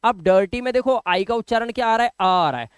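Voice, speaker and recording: A man gives an English lesson in a high, smooth, clear voice. He speaks emphatically, repeating words and asking the viewer questions. The sound is dry and close. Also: expressive, fairly quick, no room sound. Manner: emphatic, repeats each word and quizzes the viewer. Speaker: English teacher. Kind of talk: spoken classroom lesson.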